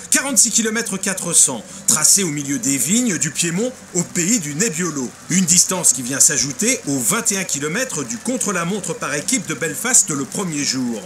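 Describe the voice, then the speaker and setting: A man's voice: fairly high pitch, big pitch swings, normal speed, few pauses, a bit bright, slight background noise. A man delivering a scripted race introduction as a sports commentator in a cycling game.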